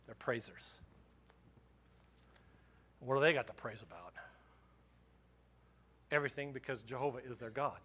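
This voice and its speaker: A man's voice: mid-range voice, expressive, unhurried, long pauses, bright, forceful tone, breathy edge. A middle-aged man preaching a sermon as pastor, impassioned, often repeating words and restarting his phrases.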